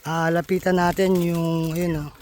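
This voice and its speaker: A man's voice: a little high, level tone, unhurried, a little mellow, slight background noise. A man hosting a casual outdoor vlog in a bamboo grove, explaining in a friendly, chatty way and often addressing viewers as buddies. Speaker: vlogger host.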